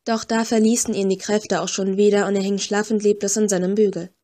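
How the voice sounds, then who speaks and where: A woman reading a first-person audiobook story in a measured, tense storytelling manner. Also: medium pitch, little pitch movement, warm tone. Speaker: audiobook narrator. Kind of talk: first-person scripted narration.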